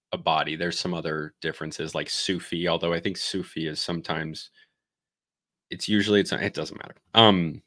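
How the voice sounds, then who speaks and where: A man's voice: low voice, a bit bright, no room sound, clean studio sound. A man in his thirties hosting a casual reaction commentary from a room at home, thinking aloud and wandering off on side points as he explains. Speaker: host reacting to a video. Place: home room with bookshelves, indoors. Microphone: headset mic.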